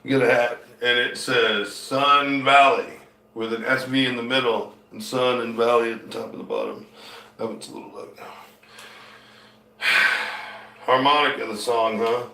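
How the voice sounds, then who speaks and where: A man with a light Southern accent and a medium-pitched, pushed, bright voice talks at a moderate pace with fairly even intonation and frequent pauses. He rambles to viewers on his music and painting show, trailing off and restarting, heard off-mic in an echoey room with guitar music.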